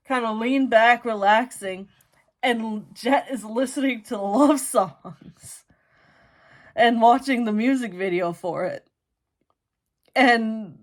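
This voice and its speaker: A woman with a Minnesotan accent, chatting casually through a book review and padding her talk with "like" and "you know". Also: fairly high pitch. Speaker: book vlogger.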